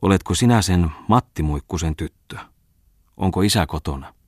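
A stout, wealthy businessman who talks down to people while probing them, self-assured and a little smug, as a man voices him. His voice is low, and the recording is dry and close. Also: no echo. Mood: affable. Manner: probing, condescending, chuckling. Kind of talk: audiobook character voice.

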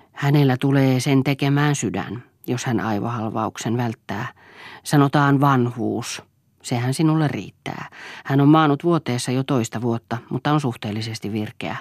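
A woman reading the part of a male doctor in an audiobook, speaking in a measured, gently ironic way. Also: extremely low pitch, lively intonation, slightly rough, no room sound, studio quality, full character voice. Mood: earnest. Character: man, a doctor, gently wry and earnest. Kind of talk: audiobook character voice.

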